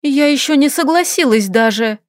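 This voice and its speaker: A woman voicing a feisty, sharp-tongued young noblewoman in an audiobook, indignant and snappy. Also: high voice, animated, normal speed, no room sound, clean studio sound, pitched above the performer's own voice. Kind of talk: audiobook character voice.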